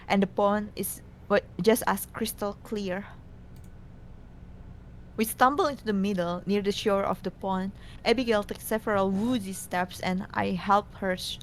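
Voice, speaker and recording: A woman narrating a scripted game story aloud, now and then stumbling over the reading. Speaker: co-host reading a visual novel aloud. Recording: noisy, low rumble behind.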